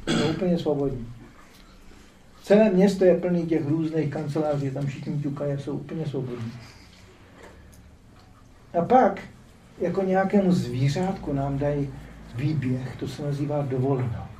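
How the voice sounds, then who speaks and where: Older man, ironic spiritual teacher, mellow voice pitched fairly high, heard from a distance in a roomy hall. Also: pauses often, a little hiss or hum. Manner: ironic, rhetorical asides. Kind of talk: lecture on scripture. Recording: roomy echo, distant mic.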